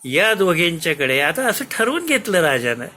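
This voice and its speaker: A man retelling a classic play to listeners in an animated, conversational way. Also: on the high side, normal speed. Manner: animated, conversational, acts out the parts. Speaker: storyteller, speaker. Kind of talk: lively spoken retelling of a play.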